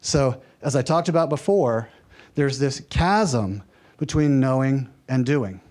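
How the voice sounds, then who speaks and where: A man from the mountain region of the American South gives a workshop lecture in a workshop room, speaking slowly in a medium-pitched, darkish voice. He keeps it conversational and lightly humorous, checking in with his audience.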